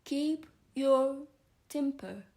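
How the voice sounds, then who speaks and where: A woman voicing a stern, contemptuous caterpillar in a storybook reading, speaking curtly with drawn-out emphasis. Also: sits high, a little mellow, full character voice. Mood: commanding. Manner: curt, slow, drawn-out emphatic delivery.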